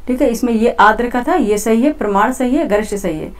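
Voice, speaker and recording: A woman with a fairly high voice teaches an exam-prep class. She goes through each answer step by step and keeps checking in with her students with a quick "okay". Her delivery is plain and repetitive, like a tutor at a whiteboard. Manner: repetitive, says "theek hai" often; explains step by step, talking to students.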